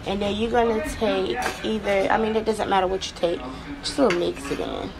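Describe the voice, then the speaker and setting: A woman's voice: mid-range voice, fairly even intonation, brisk, vocal fry, a crowd in the background, low-quality recording. A young woman giving a casual step-by-step cooking demonstration in a small home kitchen, talking to a phone camera. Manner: chatty, step-by-step, repeats "we're gonna".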